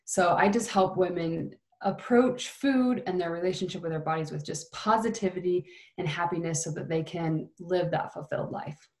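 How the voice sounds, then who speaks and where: A woman's voice: on the low side, normal speed, hardly any pauses, a little mellow. A woman wellness coach answering interview questions as a podcast guest, with a roomy, echoing sound. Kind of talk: interview answers about own work.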